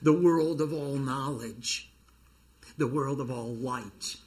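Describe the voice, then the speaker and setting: A man leading a group reading of a sacred text, reciting invocations slowly and stopping now and then to explain terms to his listeners. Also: mid-range voice, darkish tone. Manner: slow, measured recitation of invocations. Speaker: spiritual teacher leading a reading. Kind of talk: reading scripture translation with commentary.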